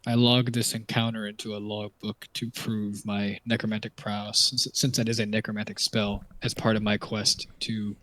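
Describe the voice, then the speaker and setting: A man's voice: on the low side, flat delivery, normal speed, hardly any pauses, a bit bright, dry recording. A man playing a tabletop game, talking casually and swearing freely. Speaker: player.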